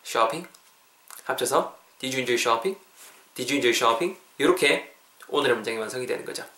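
A man hosting a podcast English lesson, lively and playful, drilling phrases over and over. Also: mid-range voice, measured pace, reverberant. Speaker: English teacher, podcast host.

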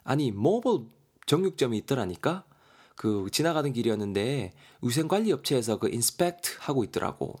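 A man's voice: medium pitch, sing-song, fairly quick, a little mellow, slightly rough. A man voicing a chatty, teasing young woman friend in dialect. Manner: teasing, exclaiming.

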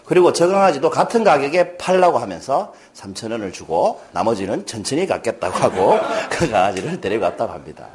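A man's voice: medium pitch, fairly quick, hardly any pauses. A middle-aged man giving a storytelling lecture to a class, often asking the audience questions. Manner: animated, addresses audience with questions.

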